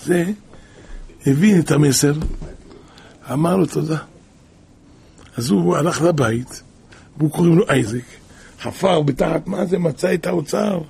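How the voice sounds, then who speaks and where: Gravelly, husky man preaching a sermon. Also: a little high, pauses often. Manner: animated, asks rhetorical questions. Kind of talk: sermon with storytelling.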